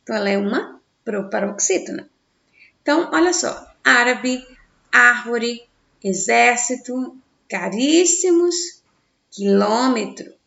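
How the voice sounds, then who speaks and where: A woman teacher giving a recorded grammar lesson for children in Brazilian Portuguese, sounding out stressed syllables slowly and answering her own questions. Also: fairly high pitch, expressive, gravelly, fairly bright tone. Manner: slow, stressed syllables when sounding out words; asks the class questions and answers them herself. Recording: dull, echoey room.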